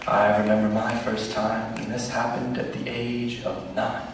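A man's voice: fairly low pitch, level tone, measured pace, crowd noise. Young male slam poet, rhythmic emphatic delivery, theatrical, distant mic, big reverberant hall. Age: young adult. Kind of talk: slam poetry performance. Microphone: microphone on a stand. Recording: echoey hall recorded from far off.

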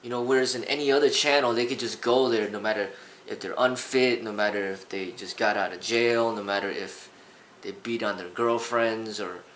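A man's voice: on the low side, a bit bright, roomy sound, a little hiss or hum, rough recording. A man in his thirties, a kung fu instructor, talking earnestly to the camera in a casual vlog, rambling with restarts. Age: 30s. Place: small indoor room with a sofa.

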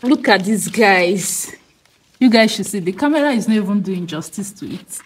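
A young woman with a Nigerian accent excitedly showing guavas to the camera while picking them outdoors, repeating herself often. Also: mid-range voice, normal speed, slightly rough. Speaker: vlogger. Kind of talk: casual vlog narration.

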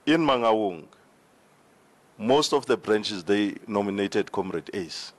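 A man with a South African accent answering formally at a town hall debate, speaking into a handheld mic in a large hall, with measured hesitations. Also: fairly low pitch, animated. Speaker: regional party official on a panel. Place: large indoor hall with seated audience. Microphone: handheld microphone.

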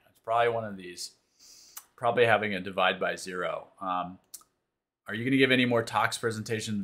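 Gravelly low-voiced man coding live. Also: a bit bright. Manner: thinks aloud while debugging, mutters to himself; reads and answers viewer chat. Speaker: developer hosting a live coding stream. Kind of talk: casual live coding stream talk.

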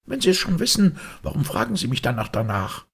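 A shrieking, sullen middle-aged maid, put on by a male reader. Her voice jumps high and swoops wildly, cutting through with a rough gravelly edge. She snaps back with defiance in an audiobook reading. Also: sing-song, a little fast, full character voice.

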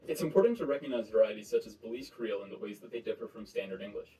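Brisk young man presenting a lesson. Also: fairly low pitch, animated, mellow, faint music behind, low-quality recording. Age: 20s. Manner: formal, explanatory. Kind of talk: scripted educational narration.

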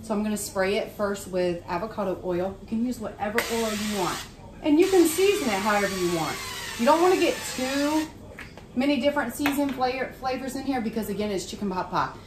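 Pitched on the high side, this woman's voice is lively in intonation and brisk in pace. She's a home cooking vlogger giving a casual, folksy cook-along narration in her indoor home kitchen, with frying sizzle and kitchen sounds coming through clearly.

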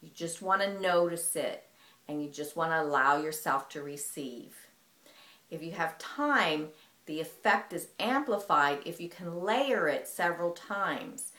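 A movement teacher, a woman with a low voice, explains a breathing technique calmly and a little slowly. The room gives her voice a noticeable echo, and she sounds like an instructor leading a demo.

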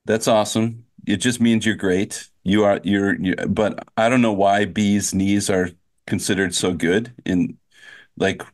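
A man's voice: on the low side, fairly even intonation, unhurried. A man hosting a casual podcast chat, playful and joking. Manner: playful, jokes with mock old-movie voices. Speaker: podcast host.

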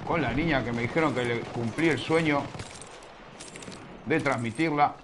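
Casual: argentine guy streaming, casting a shooter match, chatty and teasing, middle-pitched voice with faint gunfire behind. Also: normal speed, background noise. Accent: Rioplatense Spanish. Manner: chatty, teasing, scolds chat playfully. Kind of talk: live game commentary.

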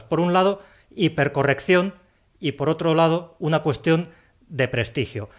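Playful, theatrical Spanish man teaching. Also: on the high side. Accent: Spain Spanish. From Spain. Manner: playful, theatrical exclamations and dramatic sighs; spells out words slowly and emphatically. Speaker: language teacher and channel host. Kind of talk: scripted explanatory video lesson.

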